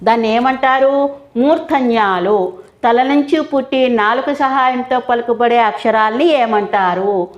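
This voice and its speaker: Slow, patient woman teaching letter sounds. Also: fairly high pitch, muffled recording. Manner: patient, repeats each point and answers her own questions. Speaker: Telugu teacher. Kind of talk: slow classroom explanation with questions and answers.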